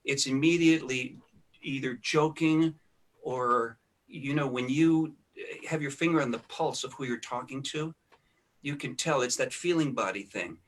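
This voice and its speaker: Guesting on a podcast, a man casually tells rambling stories about recording sessions and thinks aloud along the way. His voice is medium-pitched and unhurried.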